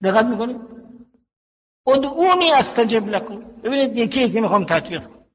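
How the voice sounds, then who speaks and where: High-voiced older man preaching in a hall. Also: big pitch swings. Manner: slow, measured teaching with stories and quotations. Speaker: cleric. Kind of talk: religious sermon. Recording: dull lo-fi recording in a reverberant hall.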